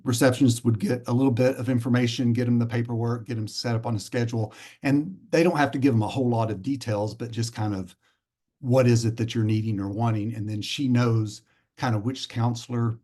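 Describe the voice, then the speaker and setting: A man walks through how his counseling center schedules people, in a loose and conversational way. He fills his talk with ums and you-knows. His voice sits at a middle pitch. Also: warm tone. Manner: loose, conversational, many fillers. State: out of breath. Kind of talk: explaining on a video call.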